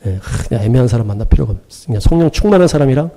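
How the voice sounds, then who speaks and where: Fast-talking animated male preacher. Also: mid-range voice. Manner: animated, emphatic storytelling with sound-word punches; acts out quoted dialogue, chuckling. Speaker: pastor. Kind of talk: sermon.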